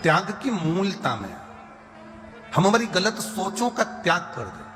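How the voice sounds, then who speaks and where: Male preacher, Madhya Pradesh accent, fervent and repetitive, slightly high voice, long hall reverb. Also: sing-song, over music. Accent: Madhya Pradesh Hindi. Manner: impassioned, repetitive, slow drawn-out singing of verses. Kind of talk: sermon with sung verses.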